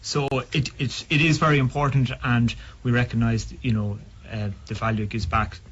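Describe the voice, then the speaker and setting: A man's voice: mid-range voice, little pitch movement, normal speed, fairly bright tone. A man with a west of Ireland accent, speaking informally and a little hesitantly as a club member in a radio interview. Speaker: sub aqua club member being interviewed. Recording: dull, noisy radio interview recording.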